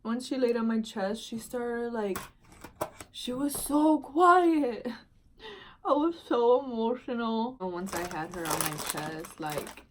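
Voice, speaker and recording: A woman's voice: fairly high pitch, moderate pace, hardly any pauses, noisy background. A young woman vlogger casually telling a long personal story, rambling with lots of filler words and slang. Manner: rambling, heavy use of "like" and "dude".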